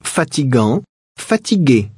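A man and a woman speak together in unison, pronouncing French lesson drill words carefully and deliberately. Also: mid-range voice, big pitch swings, a little mellow, slightly rough, no echo, clean studio sound. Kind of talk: slow, clearly spoken lesson drills.

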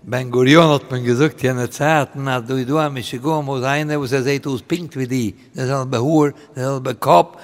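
An older man, a rabbi, telling anecdotes in an animated way, chuckling often and acting out the voices of the people in his stories. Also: medium pitch, normal speed, few pauses. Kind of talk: anecdotal storytelling. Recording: echoey hall reverb.

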